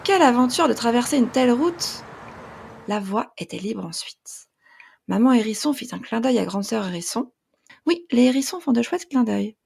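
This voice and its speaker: Husky, gravelly woman reading a storybook. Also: fairly high pitch, lively intonation, fairly quick. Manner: gentle, lilting storytelling. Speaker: narrator.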